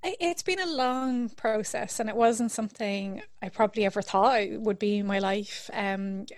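A woman's voice: medium pitch, moderate pace, dry recording. A woman from Ireland, talking casually as a podcast guest, chatty with frequent laughs and fillers. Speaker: podcast guest, sex researcher. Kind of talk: casual interview chat.

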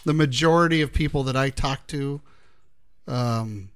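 A man hosting a casual talk show, relaxed, laughing easily and steering to new topics. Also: medium pitch, measured pace, a little hiss or hum. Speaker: podcast host.

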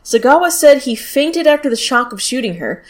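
A woman's voice: high-pitched, sing-song, normal speed. A woman with a general American accent hosting a podcast, telling true-crime stories in a blunt, informal, sweary way. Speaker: podcast host. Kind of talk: casual true-crime storytelling.

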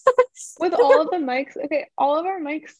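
A woman's voice: high voice, brisk, darkish tone, no echo. A young woman in her twenties co-hosting a student podcast, bubbly and spontaneous, often saying "like". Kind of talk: casual chat. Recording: dull, dry lo-fi sound.

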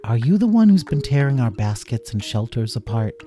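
A man voicing a cautious, sensible young female rabbit who speaks reasonably and gently scolds. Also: medium pitch, very animated, brisk, over music, natural voice.

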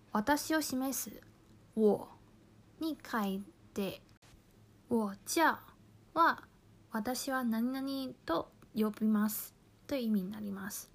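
A woman teaching a language lesson, explaining patiently and slowly, drawing out example phrases. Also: medium pitch. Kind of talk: slow, careful lesson explanation.

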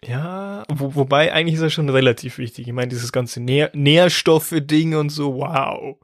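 A man's voice: a little high, normal speed, dry recording, studio quality. A man co-hosting a comedic podcast, rambling and joking in casual chat. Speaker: podcast host.

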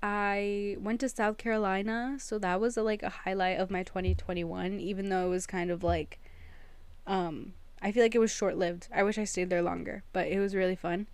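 A woman's voice: medium pitch, steady tone, normal speed, darkish tone, smooth, dry recording. A young woman co-hosting a casual podcast chat, chatty and a little hesitant, with many fillers. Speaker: podcast co-host.

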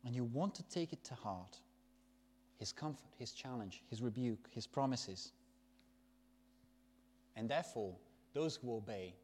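A man preaching a sermon, stressing words loudly and dropping to soft, hushed endings. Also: a little high.

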